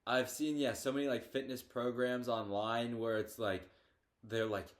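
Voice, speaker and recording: A teenage boy co-hosts a podcast in loose, casual chat. He talks with a medium-pitched voice, often stalls on fillers and starts his sentences over as he hunts for words. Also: little pitch movement, moderate pace. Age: teens. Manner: hesitant, lots of fillers and restarts. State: hiccups. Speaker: podcast co-host.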